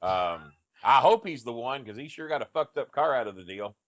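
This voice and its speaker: A man's voice: mid-range voice, lively intonation, brisk. A man telling a rambling, profane road story in casual podcast chat, full of fillers. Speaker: wrestling storyteller guest. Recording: dull lo-fi podcast audio.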